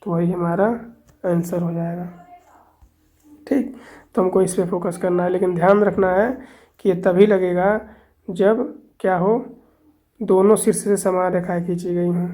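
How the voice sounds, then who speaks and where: A woman's voice: on the low side, level tone, measured pace, long pauses, dark tone. A woman teaching a math lesson, explaining step by step and counting aloud with frequent checks. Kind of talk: explaining on a board.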